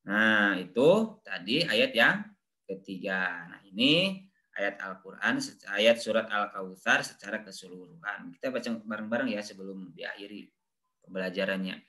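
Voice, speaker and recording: A man teaching young pupils to recite a short Quran chapter, saying each word slowly, correcting wrong pronunciations and chanting the verses drawn out. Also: fairly low pitch, expressive, pushed and bright. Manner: slow, patient, models each word and corrects mispronunciations. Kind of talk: online lesson for primary school pupils.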